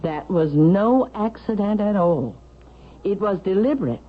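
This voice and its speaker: Here the same troubled, stubborn mother from a 1970s radio drama is played with a mid-range, expressive voice that moves a little slowly. Fear and urgency drive her delivery, heard through thin, phone-like vintage radio sound.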